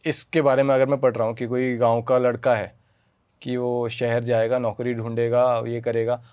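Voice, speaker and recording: A man who acts and makes films, telling lively stories in a casual conversation and mixing in English phrases. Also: medium pitch, moderate pace, clean tone, no room sound, muffled recording. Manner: animated storyteller, mixes in English. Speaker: actor and filmmaker.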